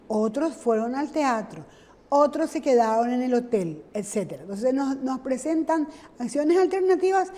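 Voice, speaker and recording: This is a woman teacher, explaining grammar in an unhurried, careful way. Her voice sits high and sounds mellow. A long reverb trails after her words. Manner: slow, deliberate, checks in with "¿sí?". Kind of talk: grammar lesson.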